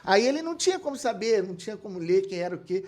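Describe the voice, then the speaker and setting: Appearing as a guest in a relaxed interview, a middle-aged man from Brazil who works as a keyboardist and producer shares lively stories, imitating voices and laughing along. He speaks in a high-pitched, rapid-fire way.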